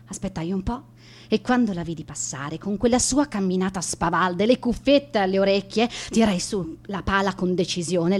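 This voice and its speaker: An actress in a radio drama monologue plays a teenage schoolgirl who is bullied and consumed by guilt. In a natural, medium-pitched voice, she confesses haltingly and with emotion.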